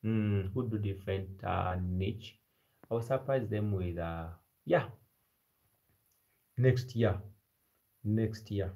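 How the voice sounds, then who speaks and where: A man in his twenties with a Kenyan-sounding East African accent, chatting casually and haltingly as a live stream host, repeating his phrases. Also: on the low side, warm tone. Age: 20s. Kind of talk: casual live chat with viewers. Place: small bedroom indoors. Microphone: phone at arm's length.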